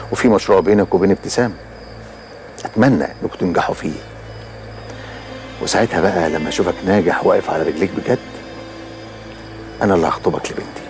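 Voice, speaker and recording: An actor playing a middle-aged father with an Egyptian accent, lecturing his daughter's suitor in a measured way. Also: low-pitched, darkish tone. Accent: Egyptian Arabic.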